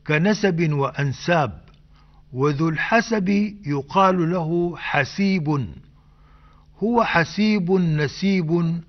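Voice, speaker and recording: Male radio host for a language lesson, precise and unhurried, recorded as a muffled vintage broadcast. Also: a little high. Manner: measured, precise, scholarly explanation. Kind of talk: slow scripted language lesson. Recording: dull old radio broadcast.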